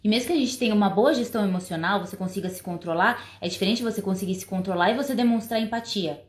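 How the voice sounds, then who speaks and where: A woman's voice: mid-range voice, fast talker, roomy sound. A woman co-hosting a parenting talk, speaking conversationally with frequent tag questions. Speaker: parenting show co-host, mother. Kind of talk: casual couple conversation.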